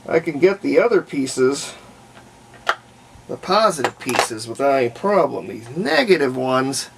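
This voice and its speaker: Talking through a hobby restoration at the workbench, this man offers loose, unscripted commentary for his repair video. He speaks unhurriedly in a mid-range, sing-song voice that is gravelly and creaky, and background noise is clearly audible.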